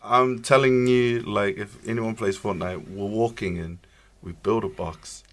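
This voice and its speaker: A man's voice: lowish voice, steady tone, a little slow, a bit bright. A man with a broad Kiwi New Zealand accent chatting casually in a slangy, joking, self-deprecating way. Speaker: podcast guest, musician and streamer.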